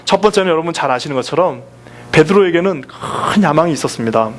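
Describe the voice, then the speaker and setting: Casting: male pastor, sermon delivery, higher voice with an animated, swinging pitch, keeps asking the congregation questions. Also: fast, a little hiss or hum. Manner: lively, asks the congregation questions, acts out quotes.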